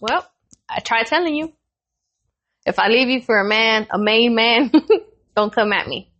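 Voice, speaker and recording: Animated, profane young woman storyteller. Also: fairly high pitch, a little slow, lo-fi sound. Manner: animated, profane, laughs often. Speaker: podcast co-host. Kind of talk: casual storytelling chat.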